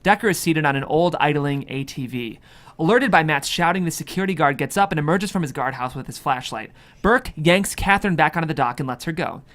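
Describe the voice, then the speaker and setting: Stage directions from a thriller screenplay are read from the script by a narrator who delivers the action dramatically. Pitched in the middle range and a bit bright, the voice is animated and a little fast.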